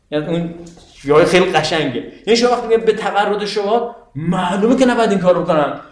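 A man teaching religious texts in an informal classroom lecture, talking conversationally and often checking that his listeners follow. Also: sits high. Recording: echoey room.

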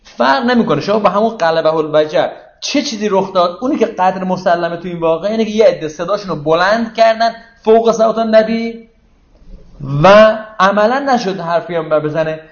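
Speaking in an easygoing, conversational manner, a fairly high-voiced man teaches about Quranic verses and frequently asks his listeners rhetorical questions. It sounds like a lo-fi room recording, echoey and a little dull.

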